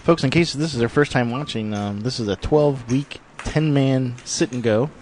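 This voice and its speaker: Man calling a live poker game in a noisy stream recording. He keeps the play-by-play light and joking. His voice sits at an ordinary pitch. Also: normal speed. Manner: joking, banter with co-host. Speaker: poker commentator.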